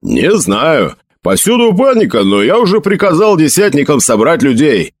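Rough, brash soldier aide, loud and blunt, storybook role read by a man. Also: on the high side, sing-song, normal speed, no echo, pitched above the performer's own voice. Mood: alarmed.

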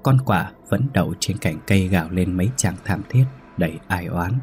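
A man narrating a ghost story in a steady, brisk storytelling manner. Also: deep voice, faint music behind. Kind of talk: scripted horror story narration.

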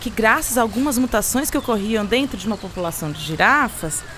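In conversational radio drama dialogue, an actress with a Brazilian accent plays a friendly, knowledgeable woman who patiently explains things, teasing a little. Her voice is on the high side, expressive, fast and fairly bright, with a little hiss or hum in the recording.

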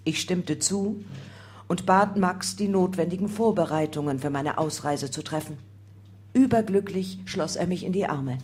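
A woman reading a first-person memoir aloud in calm, measured narration. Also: on the low side, a little hiss or hum. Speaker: audiobook reader.

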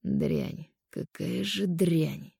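A woman voicing a cruel male conqueror in an audiobook, speaking low, hushed and taunting. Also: drawn-out words, creaky, breathy edge, no room sound, studio quality, exaggerated voice. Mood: cold menace. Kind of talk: audiobook character voice.

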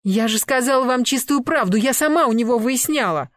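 A reader voicing a shrill, hysterical young woman who shouts and snaps. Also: lively intonation, fairly quick, no echo, studio quality, lightly acted.

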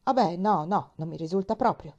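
A woman's voice: medium pitch, lively intonation, a little fast, dark tone, lo-fi sound, voice pushed up, natural voice. A woman voicing an irritable, bedridden woman of forty who complains sourly. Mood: peevish. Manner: sour, complaining.

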